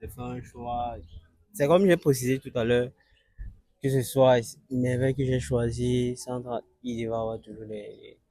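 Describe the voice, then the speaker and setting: A man of middle pitch answers questions in a street interview, speaking quietly and haltingly with a resigned air. The sound is dry and close, with no echo. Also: fairly even intonation. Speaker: interviewee, father. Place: outdoors on the street.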